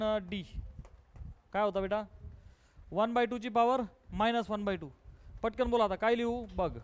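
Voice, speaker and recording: A man with a Marathi accent teaching a maths class live, coaxing and prodding his students to answer quickly. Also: very high-pitched, a little hiss or hum.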